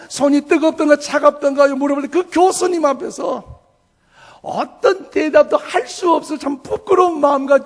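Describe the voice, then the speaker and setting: Male pastor, high voice with gravel, sermon delivery, dynamic storytelling from hushed to loud. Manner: storytelling preacher, swings from soft asides to loud emphatic bursts.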